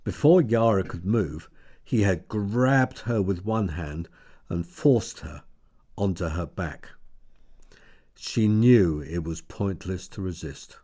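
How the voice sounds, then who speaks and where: A man reading an audiobook in a measured, steady storytelling manner. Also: low voice. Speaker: audiobook narrator. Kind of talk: scripted narration.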